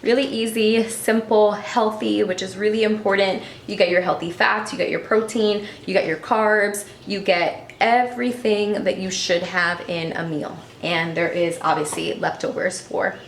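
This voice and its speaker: A woman vlogger chatting casually in her home kitchen, relaxed and often trailing off quietly. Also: mid-range voice, normal speed, hardly any pauses. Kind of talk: casual chat. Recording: roomy kitchen echo, faint noise.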